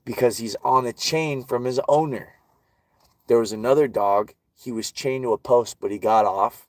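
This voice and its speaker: A man's voice: medium pitch, dry recording. A man ranting and swearing constantly while walking outdoors in a park, vlogging. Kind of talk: profane outdoor rant.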